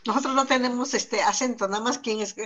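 A woman's voice: fairly high pitch, fairly even intonation, fairly quick, a bit bright. A woman from the Sierra Norte of Oaxaca, a Zapotec language teacher, explaining in conversation and thinking aloud with fillers and repeated words. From Sierra Norte of Oaxaca, Mexico. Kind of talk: conversational discussion.

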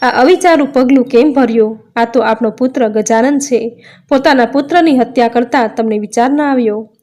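A woman's voice: on the high side, moderate pace, dark tone, natural voice. A woman voicing a goddess mother who pleads and scolds in a devotional storybook tale, in a near-everyday reading voice. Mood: pleading. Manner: pleading then stern in reproach. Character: grieving, indignant goddess mother.

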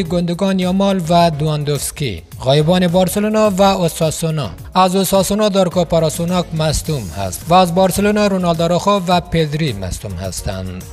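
A man narrating scripted football news in a formal newsreader manner, as a studio voice-over. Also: sits high.

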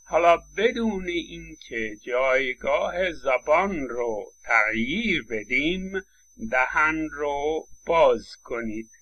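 A man's voice: on the high side, lively intonation, bright, forceful tone, poor audio. A man giving a university phonetics lecture, explaining step by step with frequent hesitation fillers and modeling vowel sounds aloud.

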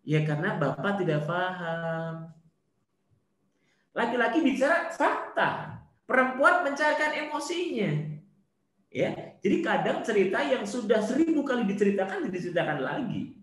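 A man giving an online Islamic study lecture over a video call, animated, with rhetorical questions and playful asides. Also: high voice, measured pace, roomy sound.

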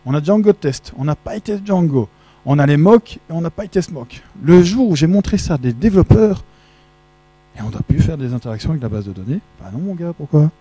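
At a casual tech conference talk in a large, dark auditorium with a projection screen, a middle-aged man speaks French on a handheld microphone, chatting, joking and quizzing the audience. His voice is on the high side, warm, animated and brisk, with no room sound audible.

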